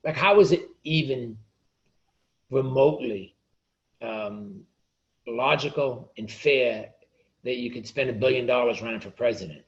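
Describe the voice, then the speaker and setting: A man's voice: medium pitch, a little slow, long pauses, muffled recording. A male author, a guest on an interview podcast, speaking passionately and often repeating words as he argues. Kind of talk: casual interview chat.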